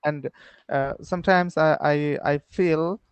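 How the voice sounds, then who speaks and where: Young guy from bangladesh on a headset video call, gravelly voice, keeps stopping and restarting, dry sound. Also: a little high, fairly even intonation, dry recording. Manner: halting, many fillers and restarts. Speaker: English learner. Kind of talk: online English practice lesson. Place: small room at home, video call.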